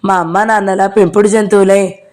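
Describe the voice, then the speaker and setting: A woman's voice: medium pitch, little pitch movement, normal speed, darkish tone. A woman narrating a novel as an audiobook, reading the dialogue of each character in her own voice.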